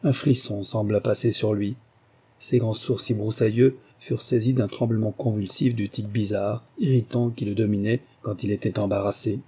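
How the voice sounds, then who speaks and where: Male narrator, measured literary read, deep mellow tone, husky. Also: fairly even intonation. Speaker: audiobook narrator. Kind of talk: scripted narration.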